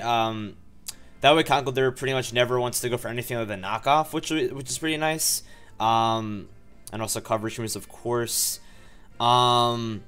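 A man's voice: mid-range voice, fairly bright tone, smooth. A young man with a sore throat and a cough, chatting casually through game commentary and rambling with many fillers. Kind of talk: casual let's-play commentary.

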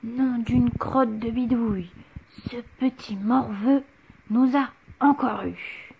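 A woman's voice: on the high side, steady tone, slow, gravelly, a little mellow, slight background noise. A woman voicing a sneaky, mean witch in a children's story, sly and snickering. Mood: scheming.

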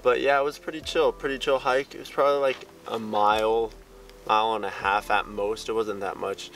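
A man's voice: on the low side, fairly even intonation, normal speed, a bit bright, recorded from a distance, a little hiss or hum. A young man chatting casually on a hiking trail for his vlog, laid-back and rambling, with some casual swearing. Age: young adult. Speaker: vlogger. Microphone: camera held at arm's length.

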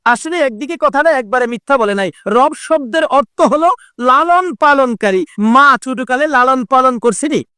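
A man with a preaching a sermon in a lively sing-song, acting out voices in his stories. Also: extremely high pitch, moderate pace, clear, resonant tone, no echo, clean studio sound. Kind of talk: Bangla waz sermon.

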